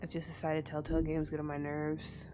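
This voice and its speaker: A woman's voice: low voice, completely flat delivery, brisk. Young woman streamer, casual let's-play chatter, exasperated overthinker, faint game music under her voice. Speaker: gaming streamer.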